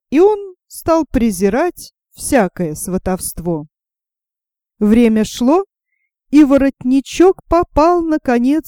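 Woman reading a fairy tale, mellow tone. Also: fairly high pitch, no room sound, clean studio sound. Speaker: narrator.

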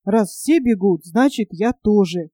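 A woman's voice: medium pitch, flat delivery, moderate pace, mellow, no room sound, studio quality, natural voice. A woman voicing a timid, easily offended boy who whines plaintively. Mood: whiny. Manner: plaintive, whining.

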